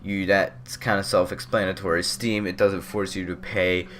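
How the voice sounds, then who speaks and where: A gaming video creator rambles through casual, unscripted commentary and opinions, stumbling a little because his lip is still numb from the dentist's Novocaine, which leaves his speech slightly off. His voice is low-pitched and a bit bright, with little pitch movement and a moderate pace.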